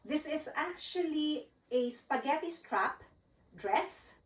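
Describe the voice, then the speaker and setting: A Filipino woman chats her way through a fashion vlog in a slow, easy rhythm, her voice sitting a touch high. She sounds set back from the mic in a roomy, echoing space. Her delivery is chatty and animated as she dresses and styles an outfit. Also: recorded from a distance. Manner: chatty, Taglish code-switching, animated. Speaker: fashion vlogger. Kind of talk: casual vlog.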